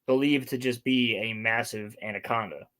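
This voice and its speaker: A male host with a mid-range voice chats casually with a co-host. He presents his topics and reads articles out loud. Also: mid-range voice, fairly even intonation, normal speed. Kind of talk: casual chat and reading articles aloud.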